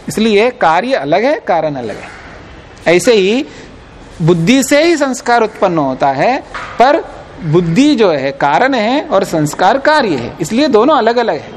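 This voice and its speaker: High-pitched male teacher lecturing firmly, a faint hiss behind. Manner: explains patiently, quizzes listeners, firm and insistent. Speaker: teacher of philosophy. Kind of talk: classroom lecture on scripture.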